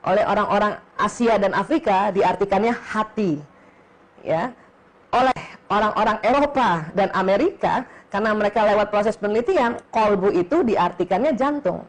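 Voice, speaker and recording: A middle-aged woman giving a religious lecture on faith and the brain, explaining patiently and often checking in with her listeners with a quick "ya", slowing down to stress key terms. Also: mid-range voice.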